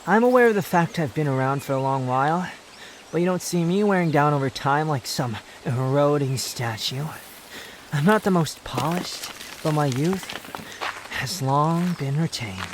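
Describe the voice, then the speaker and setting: Indignant and taunting, the youthful immortal wanderer, voiced by a man pitched fairly high with a haughty, sardonic bite, scolds and teases with theatrical flair. The intimate roleplay drama plays at a moderate pace, his voice close to natural, over constant insect and nature noise outdoors.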